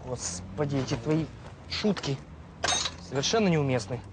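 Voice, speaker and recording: An actor playing a jittery, scheming sidekick in a TV drama, colloquial, hesitant and defensive. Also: male voice, medium pitch, lively intonation, normal speed, noisy background, lightly acted. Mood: uneasy. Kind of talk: naturalistic TV series acting.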